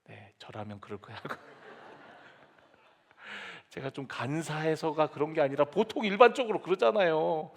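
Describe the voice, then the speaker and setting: A man pastor delivering a lively sermon, acting out quoted voices and dropping to soft asides. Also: a little high, moderate pace, creaky. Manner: animated preaching with dramatic quoted voices and sudden soft drops. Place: church sanctuary.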